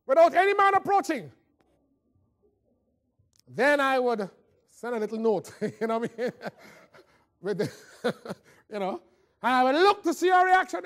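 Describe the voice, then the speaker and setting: With an extremely high-pitched, slightly bright voice, this motivational speaker draws on a Caribbean accent to spin comic stories about himself. He dramatizes the conversations as he goes, keeping the tone chatty and theatrical.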